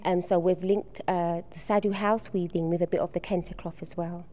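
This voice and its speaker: A soft-spoken, hesitant middle-aged British woman answers questions in an on-location TV interview as the organizer of an art exhibition at a school event, often saying "um." Her voice is fairly low and steady, and she speaks at a moderate pace.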